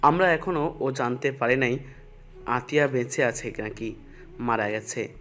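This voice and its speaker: A man playing a caring middle-aged police officer who gives slow, grave warnings, with faint music behind him. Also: medium pitch, fairly bright tone, close to an everyday voice.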